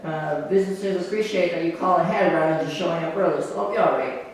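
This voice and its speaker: A man's voice: on the high side, fast talker, a little hiss or hum, natural voice. A man voicing an unbothered, laid-back young man who shrugs everything off breezily. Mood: breezy. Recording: echoey room, mic at a distance.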